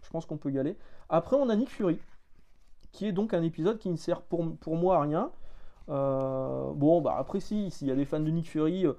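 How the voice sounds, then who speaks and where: A man's voice: fairly high pitch, moderate pace, mellow. A man giving a casual spoken review of comics, hesitant and filled with filler sounds, frank and blunt with slang.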